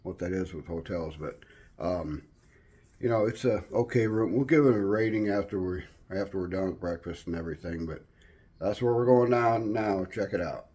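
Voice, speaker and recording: A man's voice: sits low, normal speed, darkish tone, slightly rough. A man chatting casually as he narrates a travel vlog. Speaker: travel vlogger. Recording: noisy handheld travel video.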